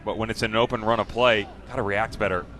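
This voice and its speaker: A man's voice: lowish voice, steady tone, quick pace, sharp tone, slight background noise. A man working as a color analyst, giving conversational live soccer commentary. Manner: conversational, with rhetorical questions.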